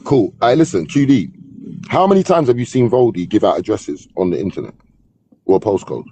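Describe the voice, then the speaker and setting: A man with a London accent in a heated live online argument, loud and sharp, repeating himself insistently, cutting in and using slangy street talk with swearing. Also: fairly low pitch, very animated, brisk, a little hiss or hum. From Hackney, London, England. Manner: loud, sharp, shouting over others; repetitive, insistent, interrupting.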